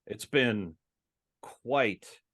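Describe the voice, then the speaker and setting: A man's voice: medium pitch, very slow, fairly bright tone, dry recording. Guy on a podcast mic, rambly, lots of ums, mid voice, dry sound. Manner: rambling, many ums and restarts. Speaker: podcast co-host. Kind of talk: casual podcast discussion.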